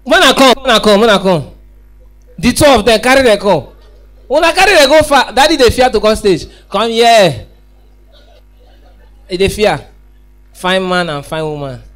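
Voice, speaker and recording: A young Nigerian man with a Nigerian accent doing stand-up comedy on a theatre stage, teasing the audience loudly through a handheld mic. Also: sits high, lively intonation, normal speed, long pauses. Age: young adult. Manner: loud, teasing banter with the crowd. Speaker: stand-up comedian hosting his own show. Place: large indoor theatre stage with live band. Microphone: handheld microphone. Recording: live stage with loud crowd and music. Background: music and crowd.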